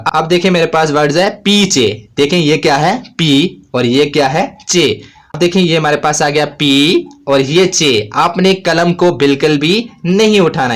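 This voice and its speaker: A man teaching a shorthand lesson, patiently explaining each rule, asking his own questions and answering them right away. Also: fairly high pitch. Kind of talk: classroom-style lesson.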